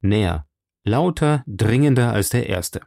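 A man reading a story aloud as narrator, in a measured, dramatic storytelling manner. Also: lowish voice, lively intonation, gravelly, darkish tone, no echo, studio quality. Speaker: audiobook narrator. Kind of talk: scripted narration.

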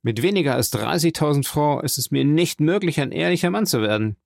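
A man's voice: on the high side, expressive, a little fast, creaky, a little mellow, dry recording, clean studio sound, pitched above the performer's own voice. A man voicing a greedy, scheming male ex-convict who needles and wheedles, in a storybook reading.

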